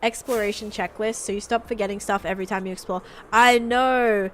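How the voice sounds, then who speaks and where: A young woman streaming a game live, chatting casually, answering her chat and getting excited over finds. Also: mid-range voice, brisk, slight background noise.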